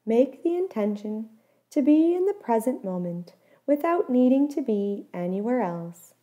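On phone-quality audio, a woman with a higher, expressive voice guides a body scan meditation. Her instructions are gentle and measured, each phrase drifting softly down at the end.

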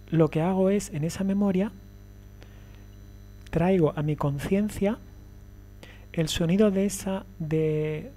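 Guy teaching a class, kinda high voice but mellow, keeps checking u follow, low hum behind. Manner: explaining step by step with frequent check-ins. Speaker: lecturer. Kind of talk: recorded lecture.

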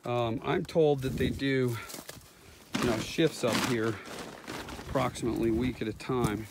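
A man's voice: mid-range voice, fairly even intonation, measured pace, creaky. A man giving an unscripted walk-along narration for a video, recorded on a handheld phone outdoors on a mountaintop. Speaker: video host. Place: outdoors on a windy rocky mountaintop. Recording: very loud wind noise on phone microphone.

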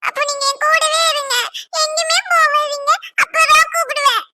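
A woman's voice: very high voice, flat delivery, normal speed, very noisy, pitched above the performer's own voice. A woman voicing a clingy, tearful little boy in a cartoon who keeps pleading with his father. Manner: pleading, insistent. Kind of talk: cartoon voice acting.

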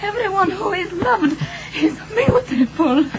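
A worn-down wife in a radio play, her high voice bitter and scornful as it wavers near tears. The old broadcast recording has a clear hiss behind her. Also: sing-song, measured pace, exaggerated voice. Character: weary, bitter Italian-Scots wife and mother. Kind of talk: 1980s radio drama acting.

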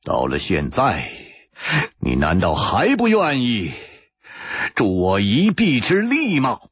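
A storyteller voicing a calm, wise swordsman hero. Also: fairly low pitch, takes it slowly, slightly rough, dry recording, highs cut off, heavily acted. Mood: earnest. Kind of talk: pingshu storytelling.

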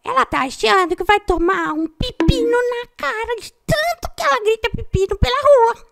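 A woman from São Paulo voicing her pet male parakeet, a sweet, friendly little bird, talking slowly and playfully. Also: very high-pitched, animated, gravelly, fairly bright tone, a little hiss or hum, pitched above the performer's own voice, exaggerated voice. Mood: chatty. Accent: Brazilian Portuguese, São Paulo. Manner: slow, playful, childlike storytelling.

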